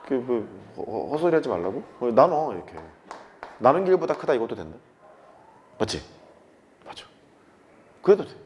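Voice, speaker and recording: Male math teacher, lively up-and-down pitch, blunt, teasing, casual classroom lecture. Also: normal speed, pauses often, lo-fi sound, slight background noise. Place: classroom with chalkboard.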